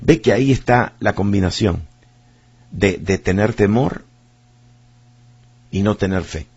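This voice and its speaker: A man's voice: fairly low pitch, unhurried, creaky, darkish tone, husky. A man preaching a sermon, emphatic and repetitive, speaking straight to his listeners and reading scripture aloud. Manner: emphatic, repeats words, addresses listeners directly. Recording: dull lo-fi sound.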